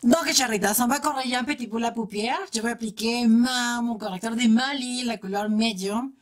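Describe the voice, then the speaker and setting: A woman's voice: a little high, normal speed. A woman vlogger chatting through a makeup tutorial, talking straight to her viewers with enthusiastic exclamations. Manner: chatty, talks straight to viewers while working. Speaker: beauty vlogger. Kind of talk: casual makeup tutorial chat.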